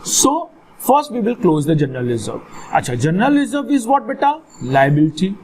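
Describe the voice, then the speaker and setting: A man's voice: high-pitched, sing-song, brisk, darkish tone. A man with a North Indian accent teaching accountancy, repeating phrases and putting questions to his student with Hindi words mixed in. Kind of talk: instructional lesson with call-and-response questions. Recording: clearly noisy background.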